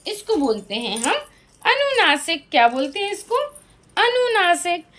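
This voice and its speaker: A woman's voice: very high-pitched, big pitch swings, measured pace, a bit bright. A woman teaching a language lesson to young children, asking questions and answering them herself and repeating the key words.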